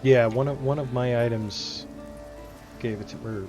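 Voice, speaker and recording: A man's voice: medium pitch, steady tone, moderate pace, over music. A man streaming a video game, chatting casually and laughing easily with his friends. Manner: easygoing, laughs often. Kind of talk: casual gaming chat.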